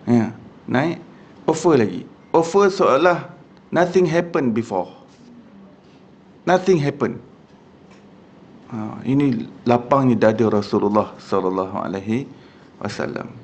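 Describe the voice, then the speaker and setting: A man with a Malaysian accent giving a religious lecture in a mosque hall, telling stories in a lively, conversational way with frequent "ha" and "ya". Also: medium pitch, slow, pauses often, slight background noise. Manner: animated, conversational with frequent "ha" and "ya" fillers.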